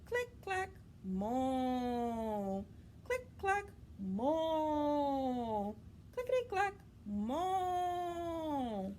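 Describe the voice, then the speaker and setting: A woman's voice: sits high, sing-song, very slow, a little mellow, slight background noise, exaggerated voice. A woman performing typing farm animals in a children's storybook, making rhythmic, singsong typewriter clacks and animal calls. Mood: playful, rhythmic. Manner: rhythmic, singsong sound effects.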